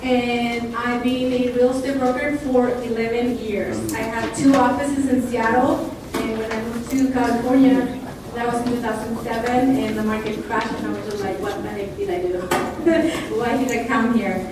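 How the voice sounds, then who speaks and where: Woman broker from Mexico, high voice, relaxed intro speech, far from the mic in a reverberant room. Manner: friendly, unhurried, with fillers. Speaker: real estate broker. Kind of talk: introductory speech at a club meeting. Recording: echoey room, mic at a distance, some noise.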